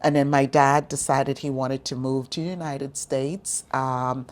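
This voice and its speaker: A woman's voice: extremely low pitch, steady tone. A woman from the Bahamas, a university student success director, telling her story as an interview guest in an earnest, reflective way. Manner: earnest, reflective, unhurried with fillers.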